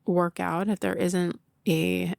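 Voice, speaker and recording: Candid podcast host woman with gravelly voice. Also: lowish voice, flat delivery, takes it slowly, darkish tone, no room sound, studio quality. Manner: candid, laughs often, swears, many "like" fillers; emotional, confessional. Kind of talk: casual solo podcast talk.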